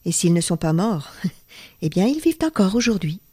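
A woman storyteller reading a folk tale aloud, expressive and dropping to a hush at tense moments. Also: on the low side, normal speed.

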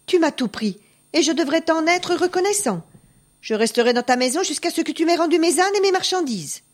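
A woman's voice: fairly high pitch, very animated, moderate pace, pitched above the performer's own voice. A woman voicing a poor, honest male peasant who pleads and protests his wrongs. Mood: indignant.

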